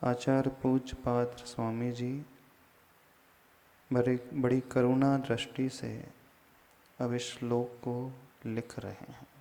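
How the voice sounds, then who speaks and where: A man's voice: medium pitch, level tone, takes it slowly, long pauses, warm tone. A man, a monk, leading a scripture class, chanting verses and patiently correcting his listeners' pronunciation. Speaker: Jain monk teaching scripture. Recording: long hall reverb.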